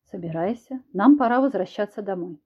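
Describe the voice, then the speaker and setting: Audiobook villain: controlling husband, voiced by a woman, low, slow, quietly menacing, in a dull lo-fi recording. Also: lively intonation, slightly rough. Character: menacing controlling husband, grown man, smug and cruel.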